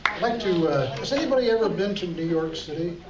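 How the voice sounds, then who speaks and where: A man's voice: high-pitched, expressive, fairly quick, muffled recording, over a noisy crowd. A man emceeing a church talent show, joking with the audience as he performs a card trick. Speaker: emcee and magician. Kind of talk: stage patter with card trick. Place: church hall with live audience. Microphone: far room recording. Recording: roomy hall, distant mic, audible noise.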